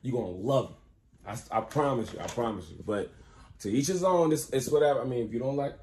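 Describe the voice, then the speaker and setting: A man's voice: medium pitch, animated, fast talker, darkish tone, slight background noise. A man casually teasing his girlfriend at home with playful, insistent slang during a prank. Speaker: prankster boyfriend, channel host. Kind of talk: casual prank vlog banter. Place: home, indoors.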